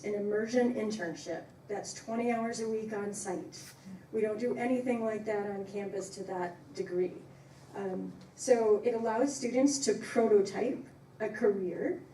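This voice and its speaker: Mellow-voiced woman speaking in an echoey room. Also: medium pitch. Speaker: biology professor giving a talk. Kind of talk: informal presentation to a congregation. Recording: echoey room, distant, faint noise.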